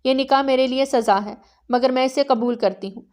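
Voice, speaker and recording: A woman's voice: sits high, lightly acted. Woman voicing a defiant, bitter young bride. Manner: sharp, defiant.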